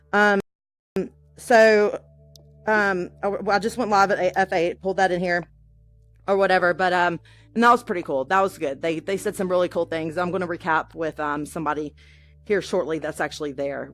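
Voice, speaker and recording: A woman streaming a live first-reaction vlog from a VR app, talking to her viewers and gushing with excitement. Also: fairly low pitch, a little fast. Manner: excitable, gushing exclamations, calls viewers y'all. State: shaky and overwhelmed with excitement. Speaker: VR vlogger.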